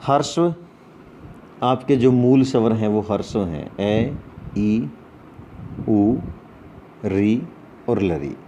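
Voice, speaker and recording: A man teaching an online Sanskrit class, slowly listing sounds and posing questions to his students before answering them himself. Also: fairly low pitch, dark tone, highs cut off, slight background noise. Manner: slow, repetitive, asks questions then answers them.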